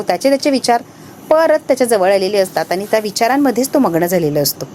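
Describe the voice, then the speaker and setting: Brief: woman recapping a serial, lively, fairly high voice. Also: a little hiss or hum. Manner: lively, acts out every character. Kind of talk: retelling a TV serial episode.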